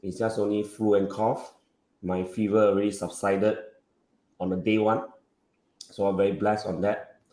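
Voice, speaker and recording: A man with a hoarse voice from a bout of covid, hosting a casual podcast chat and talking haltingly with many fillers. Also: fairly low pitch, level tone, dark tone. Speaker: podcast host. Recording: roomy echoey recording.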